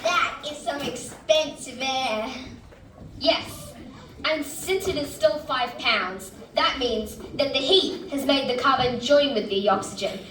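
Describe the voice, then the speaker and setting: A woman's voice: high voice, takes it slowly, a bit bright. A woman playing an eager time-travel guide in a stage musical, announcing and explaining like a showman. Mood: explanatory. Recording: distant, echoey, noisy stage recording.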